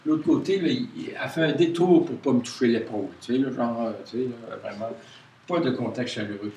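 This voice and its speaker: A man with a Quebec French accent leads an informal workshop, talking to a small group in a halting way full of hesitations and restarts. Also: medium pitch, a little mellow. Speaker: workshop leader. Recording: roomy, distant mic with faint noise.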